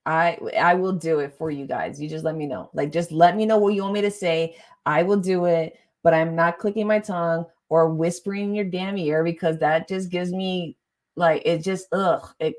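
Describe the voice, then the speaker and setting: A young adult woman chatting casually and rambling on her live stream, often trailing off and breaking into laughter. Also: fairly low pitch. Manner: chatty, rambling, quick swings into laughter and exasperation.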